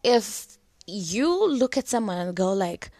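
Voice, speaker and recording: Recovering from a flu and dry cough, her voice slightly cracked, a young vlogger gives casual, chatty advice to camera full of "like"s. She speaks at medium pitch, very animated yet slow, a little mellow, with no room sound.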